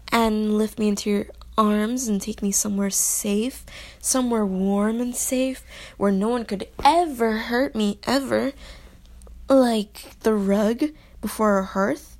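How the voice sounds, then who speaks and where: Woman acting a coy, creaky-voiced young captive princess. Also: fairly high pitch, darkish tone. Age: young adult. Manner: breathy, coy, pleading, playful. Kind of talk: intimate audio role-play.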